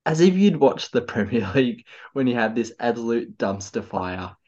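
A man co-hosts a podcast in a casual chat, a little tipsy and enthusiastic, stammering and restarting often. His darkish, medium-pitched voice swings widely in pitch at a moderate pace, and the audio is lo-fi and slightly dull.

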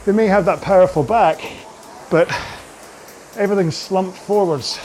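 A man coaching an indoor rowing workout, giving slow, measured cues about posture and pace. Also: high-pitched, darkish tone, a little hiss or hum.

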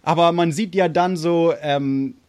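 A man's voice: a little high, fairly even intonation, a little slow, darkish tone, clear, resonant tone. A man with an American accent in German, a native English speaker, chats casually about history, searching for words and slipping in English ones. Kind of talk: casual podcast discussion of history.

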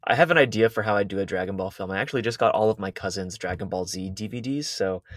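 A man's voice: on the low side, fast talker, dry recording, clean studio sound. A young man co-hosting a podcast in a laid-back, casual chat with his friend, often chuckling and agreeing. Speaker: podcast co-host.

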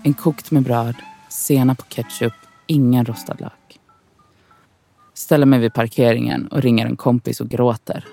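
A woman's voice: a bass voice, fairly even intonation, vocal fry, dark tone, faint music behind. A woman from Sweden in a scripted inner monologue, wry, frustrated and profane as she talks to herself.

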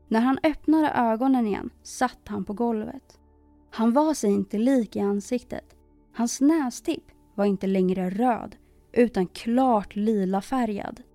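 Woman storyteller, expressive children's reading, mellow voice, dry close sound. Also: fairly high pitch, dry recording. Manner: expressive, emphatic repetition.

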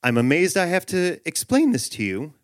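A man voicing his own quiet, calm inner voice, level and measured as it scolds him. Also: on the high side, no echo, voice pushed up. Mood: calmly scolding.

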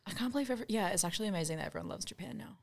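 A woman hosting a podcast, chatting casually and quickly agreeing with and echoing her guest. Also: medium pitch, lively intonation, vocal fry. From Darwin, Australia. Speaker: podcast host.

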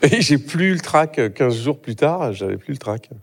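A man's voice: on the high side, big pitch swings, unhurried. A middle-aged man, an actor, talking in a live interview on a theatre stage, hesitant, with many fillers and restarts. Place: theatre stage before an audience.

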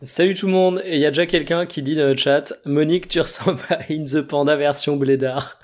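A man's voice: a little high, steady tone, fairly quick. A man chatting casually as a co-host on a podcast. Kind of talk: casual chat.

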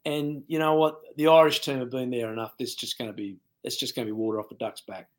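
A man's voice: medium pitch, little pitch movement, fast. A former coach, a man, giving blunt and colourful rugby analysis in casual chat, laughing at his own jokes.

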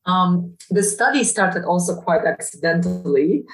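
A woman's voice: lowish voice, lively intonation, measured pace, echoey room, far from the mic, poor audio. A middle-aged woman from Poland, a professor, answering interview questions over a video call in a thoughtful way with many fillers and restarts. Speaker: guest, professor.

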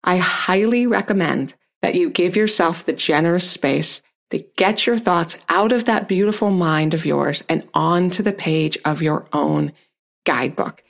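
Calm, encouraging woman podcast host. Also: fairly low pitch, measured pace, gravelly. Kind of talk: scripted intro and interview questions.

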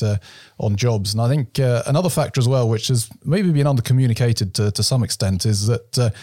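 A man's voice: fairly low pitch, mellow, no room sound, studio quality. A man discussing policy in an interview, thoughtful and hedging, with frequent fillers like "you know" and "sort of".

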